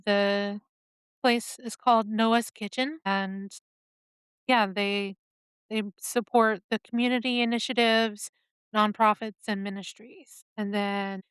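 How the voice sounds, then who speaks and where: A woman co-hosting a casual podcast, reading out news stories in a halting way with pauses and fillers. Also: medium pitch, steady tone, a bit bright, clear, resonant tone, dry recording. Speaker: podcast co-host.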